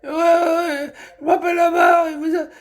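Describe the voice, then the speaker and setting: Squeaky falsetto young man put on by a man, teasing, laughing, very high. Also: little pitch movement, moderate pace. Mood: mocking.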